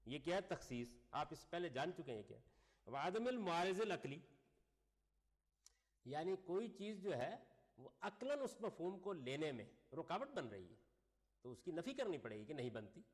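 A man's voice: fairly high pitch, big pitch swings. A man giving a classroom lecture, reading Arabic phrases and then explaining them while putting questions to his class. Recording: long reverb of a lecture hall.

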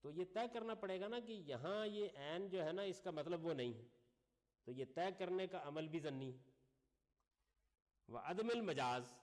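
Man lecturing with a lively pitch. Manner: reads Arabic phrases, then explains them with questions to the class. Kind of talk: classroom lecture explaining an Arabic text. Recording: long reverb of a lecture hall.

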